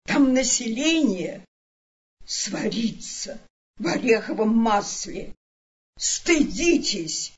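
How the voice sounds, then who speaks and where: A woman's voice: a little high, mellow, lo-fi sound. A woman voicing a big, kind, earnest male elephant in a storybook reading, pleading and insistent.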